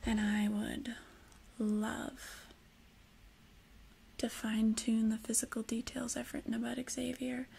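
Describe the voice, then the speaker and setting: Woman acting a hushed, creaky, obsessive librarian in ASMR role-play. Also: a little high, little pitch movement, a little hiss or hum, exaggerated voice. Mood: coaxing, infatuated. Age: young adult. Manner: hushed, slow, intimate librarian soft voice with pauses. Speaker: ASMR performer playing a librarian.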